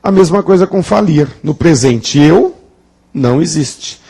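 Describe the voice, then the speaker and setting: A man's voice: a little high, expressive, measured pace, gravelly, mellow, slightly rough. A man teaching a grammar lesson at a classroom blackboard, playful, asking the class questions and drawing out words for emphasis. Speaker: Portuguese teacher.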